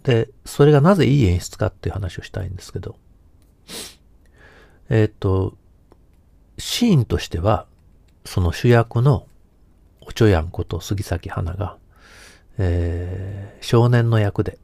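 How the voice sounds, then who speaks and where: A man's voice: on the low side, unhurried, gravelly, long pauses, mellow, no room sound. A man hosting a casual solo podcast who talks in a meandering way, hesitating often and correcting himself. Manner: meandering, self-correcting talk with many hesitations. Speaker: podcast host.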